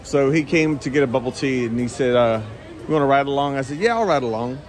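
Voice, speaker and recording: A man's voice: mid-range voice, expressive, fast, a faint crowd. A middle-aged man filming a casual travel vlog at arm's length, chatty and rambling, with frequent laughs and restarts. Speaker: travel vlogger. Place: outdoors in a village and inside a shopping mall. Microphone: handheld camera at arm's length.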